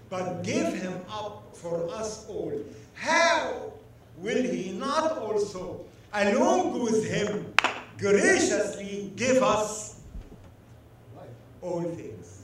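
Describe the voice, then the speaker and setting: Animated male preacher in an echoey church. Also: sits high, very slow, slight background noise. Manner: animated, emphatic, calls on congregation to respond. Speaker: guest preacher. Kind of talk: sermon. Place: church sanctuary. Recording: echoey church hall, mic at a distance.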